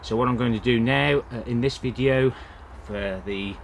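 An allotment gardening vlogger talks casually outdoors in and around his greenhouse, plain-spoken and full of "uh" fillers. His creaky voice sits in the mid-range at normal speed, with slight background noise.

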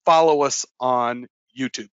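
Energetic man presenting a trading webinar. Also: mid-range voice, unhurried, clear, resonant tone, dry recording. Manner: energetic, emphatic, with frequent "uh" fillers. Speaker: trading educator. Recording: dull, dry lo-fi webinar audio.

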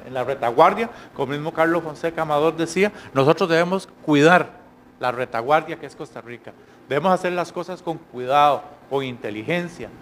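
A man's voice: fairly high pitch, a bit bright, a little hiss or hum. Middle-aged man lecturing on a panel. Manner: measured, frequent hesitations, rhetorical tag questions. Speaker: panel speaker. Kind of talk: academic panel talk. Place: conference hall, indoors. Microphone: handheld mic.

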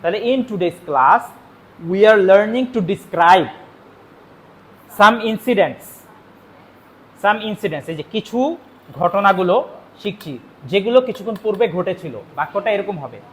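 High-voiced teacher. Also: male voice, lively intonation, a bit bright. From Bangladesh. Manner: explains slowly, repeats each phrase, switches between Bengali and English. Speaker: spoken English teacher. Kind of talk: classroom grammar lesson.

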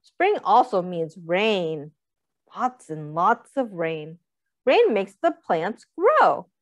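A young adult woman reads a picture book aloud to small children, her mid-range voice slow and sing-song on a dry recording. She reads expressively, adding simple questions and explanations for her listeners, seated in a small indoor room.

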